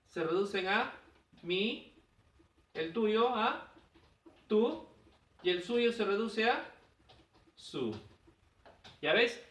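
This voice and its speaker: A man's voice: high-pitched, bright, forceful tone. A male teacher giving a grammar lesson, firing questions at his students and answering them himself. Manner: quizzing students with rhetorical questions. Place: classroom. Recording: echoey room, voice from a distance.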